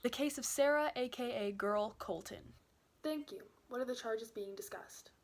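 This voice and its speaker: A woman's voice: a little high, moderate pace. A woman playing a formal trial judge. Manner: formal, instructive. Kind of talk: amateur courtroom role-play.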